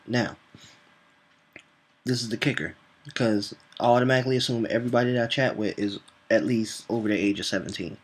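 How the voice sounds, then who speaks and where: A young male vlogger recounts a profane, casual story from his customer-service job, animatedly voicing both sides of the exchange. His voice sits on the low side with a breathy edge.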